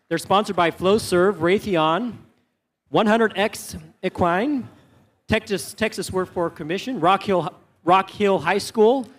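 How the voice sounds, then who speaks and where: Guy announcing teams at a live competition, pretty high voice, stretches out the names. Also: a bit bright. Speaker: game announcer.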